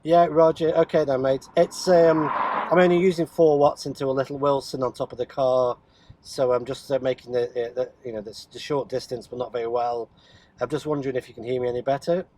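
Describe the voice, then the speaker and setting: Inside a car, with faint vehicle noise behind him, a radio hobbyist vlogger casually demonstrates CB radio gear unscripted, hesitant and thinking aloud. His mid-range voice is fairly even in intonation, fairly quick, and a little mellow.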